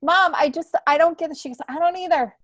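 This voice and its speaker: A middle-aged woman, a stand-up comedian appearing as a podcast guest, tells stories in a casual, chatty, meandering way. Her voice is extremely high-pitched and fairly bright, she talks fast, and there is no room sound.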